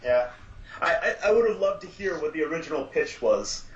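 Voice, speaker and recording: This man's voice sits on the high side, brisk and lively in intonation, though the roomy home podcast audio is muffled with background noise. A podcast guest, he muses thoughtfully and at length in casual chat, full of fillers and restarts.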